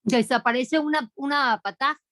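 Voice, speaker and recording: A woman's voice: high voice, normal speed, a bit bright, dry recording. Woman student asking in class. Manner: brief questions and short acknowledgements.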